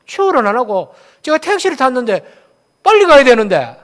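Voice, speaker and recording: A man's voice: very high voice, big pitch swings, brisk, a bit bright. A man from Daegu, South Korea, preaching a sermon as a pastor, asking the congregation questions and having them repeat phrases after him.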